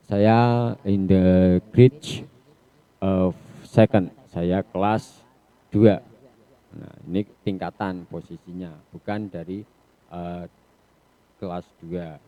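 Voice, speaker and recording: A male English teacher with an Indonesian accent, giving an online lesson, explaining slowly in a mix of Indonesian and English with hesitant restarts. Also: low-pitched, no room sound. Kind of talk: online class lecture. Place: home or classroom on a video call. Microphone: video call. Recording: dull lo-fi video call audio.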